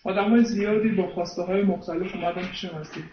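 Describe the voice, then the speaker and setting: A man's voice: sits high, steady tone, echoey room, far from the mic, dull audio, slight background noise. A man interpreting a sermon, hesitant and full of filler sounds.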